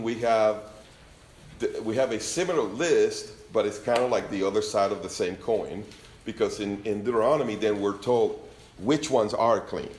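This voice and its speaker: A man's lowish voice fills a roomy space as he gives an informal scripture lesson to a congregation. He is from Venezuela, has a Spanish accent, and keeps things conversational and full of jokes.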